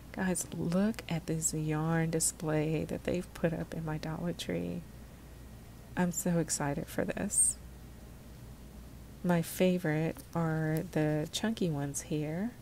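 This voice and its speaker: While shopping, a woman vlogger calmly describes what she's showing in a casual, unhurried narration. Her voice is low-pitched and mellow, with slight background noise.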